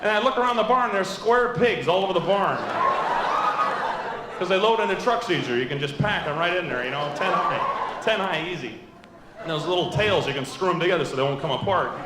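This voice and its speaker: A man's voice: a little high, moderate pace, pauses often. A man performing a stand-up routine in a comedy club, telling absurd stories with bursts of silly voices. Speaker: stand-up comic. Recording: echoey club with noisy background.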